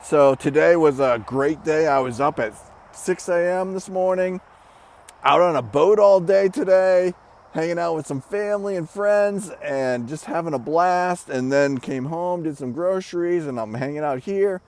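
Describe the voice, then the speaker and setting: A middle-aged man gives a casual, rambling personal update, out of breath with short shallow breathing and halting between brief phrases. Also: a little high, a little mellow. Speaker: vlogger giving a personal health update. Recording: outdoor background noise with passing traffic. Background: birds, traffic and motorcycles.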